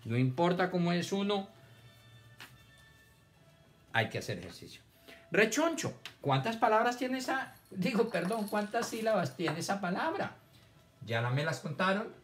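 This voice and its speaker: A man teaching a children's reading lesson, patiently stretching out words syllable by syllable. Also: on the high side. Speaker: primary school teacher. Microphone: camera on a stand.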